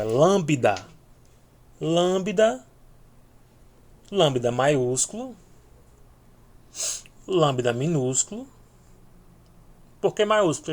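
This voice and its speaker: A man teaching a video lesson, speaking slowly and repeating each letter name for learners to follow. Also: on the high side, animated.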